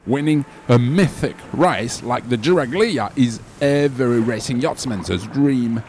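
A man's voice: medium pitch, unhurried, darkish tone. A man reading a scripted sailing news voice-over.

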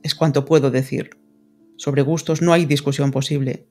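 A woman voicing an earnest, lovesick English lord in an audiobook, speaking formally and pleading gravely. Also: a bass voice, fairly even intonation, moderate pace, dark tone, faint music behind. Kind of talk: audiobook character reading.

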